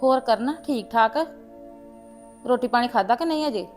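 A woman's voice: a little high, moderate pace, soft background music, natural voice. A woman playing a mother who gives her son motherly advice over the phone in a web series drama. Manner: motherly, advising.

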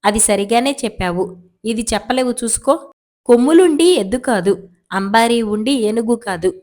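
A woman voicing a demanding male demon who poses riddles in a storybook tale, speaking loudly and tauntingly. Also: fairly high pitch, animated, moderate pace, natural voice.

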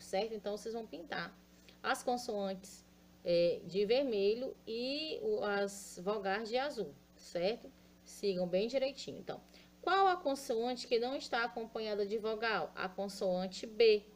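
A woman's voice: on the high side, slight background noise. A woman teaching a children's grammar lesson with a Brazilian Portuguese accent, patiently spelling out letters and repeating words syllable by syllable, calling her pupils affectionate names. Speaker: primary school teacher.

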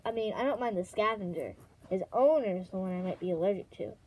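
A woman's voice: mid-range voice, brisk, a little mellow, breathy edge, voice pushed down, lightly acted, low-quality recording. A woman voicing a teasing, friendly young male sand dragon. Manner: teasing, breezy.

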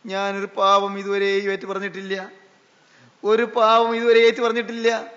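A preacher acts out a pious dying man gripped by dread and regret. His cries come slow and drawn out, high and flat. A long reverb and dull, lo-fi sound hang around him. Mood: despairing.

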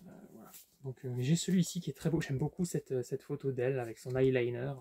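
A man's voice: mid-range voice, a little fast, warm tone, slightly rough. A man casually showing his book collection in a vlog, talking with lots of fillers and restarts. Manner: hesitant, many fillers and restarts. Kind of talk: casual unboxing vlog chat.

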